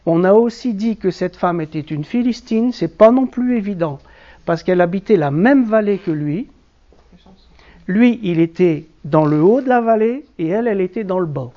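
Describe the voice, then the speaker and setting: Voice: medium pitch, expressive, moderate pace, mellow. A teacher leading a classroom lesson on biblical Hebrew, explaining patiently step by step with frequent hesitations. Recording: dull lo-fi classroom recording.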